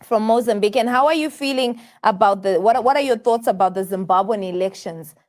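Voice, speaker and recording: Fielding viewer calls on a live call-in program, this female host talks fairly quickly at a medium pitch. She uses plenty of fillers and often starts over mid-sentence.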